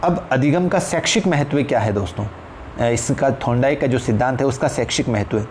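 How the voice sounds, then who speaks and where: The background noise is clear in this exam-prep lecture by a man with an Indian accent, whose medium-pitched, somewhat dark voice runs a little fast. Explaining his material, he addresses the audience as friends and repeats phrases to drive points home.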